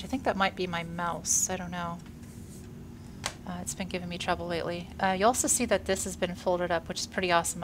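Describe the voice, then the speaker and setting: Her voice sits on the low side, with a little hiss or hum in the recording. A gaming video creator, she gives upbeat, casual play-by-play of a space game, sounding congested and slightly wheezy after exercising and being sick, and leaning on frequent "uh" fillers.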